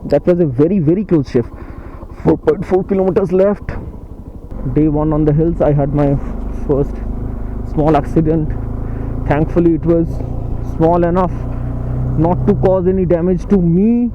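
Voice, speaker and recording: A man's voice: on the high side, steady tone, moderate pace, pauses often. A man with an Indian accent casually narrating his motorcycle trip aloud as a travel vlogger, outdoors on the road. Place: outdoors on a motorcycle on mountain roads. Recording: narrow phone-like sound, faint vehicle noise.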